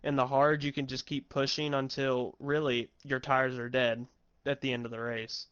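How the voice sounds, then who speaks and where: A man's voice: mid-range voice, level tone, normal speed, a bit bright, clear, resonant tone, no echo, muffled recording. A man co-commentating on an online sim race, explaining tire strategy in detail.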